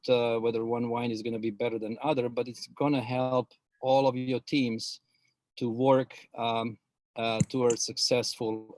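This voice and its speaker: A middle-aged guest expert with a Croatian accent and average pitch recounts his background in a webinar interview. He's hesitant, often pausing on "uh," using lots of filler words and restarting sentences. The video-call audio is dry, with almost no room echo.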